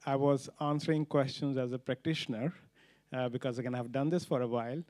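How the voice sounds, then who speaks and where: Brisk man moderating, dry close sound. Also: mid-range voice, steady tone, dark tone, no echo. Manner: brisk, friendly. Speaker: panel moderator. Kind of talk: moderating a conference panel. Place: conference stage.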